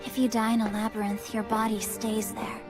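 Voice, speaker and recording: An actress playing a resolute young magical girl who speaks in a flat, matter-of-fact way. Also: medium pitch, a little fast, music in the background, lightly acted. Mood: cold.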